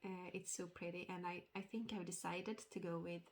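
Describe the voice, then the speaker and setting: A woman with a cold, sounding a little nasal, giving a casual stitching update vlog with many hesitant fillers and throat-clearing. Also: lowish voice, fairly even intonation, moderate pace. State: has a cold, slightly nasal. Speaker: cross-stitch vlogger.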